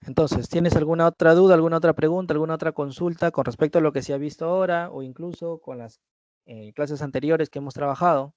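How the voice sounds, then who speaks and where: A man's voice: fairly high pitch, fairly even intonation, quick pace, a little mellow, no echo. Man teaching, checking with "¿no?". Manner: explains with repeated "¿no?" checks and restates key points. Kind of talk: online review class. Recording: dry dull lo-fi recording.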